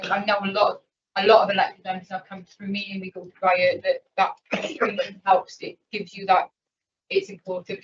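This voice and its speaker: A woman councillor speaking off the cuff in a council meeting, halting and restarting her sentences. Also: on the low side, slight background noise. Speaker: councillor reporting on safeguarding. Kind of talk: unscripted remarks in a council meeting. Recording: distant, muffled meeting mic.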